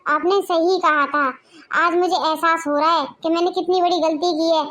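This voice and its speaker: A woman's voice: extremely high pitch, fairly even intonation, normal speed, a bit bright. A woman voicing a bossy husband who harshly scolds his wife. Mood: stern. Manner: scolding, commanding.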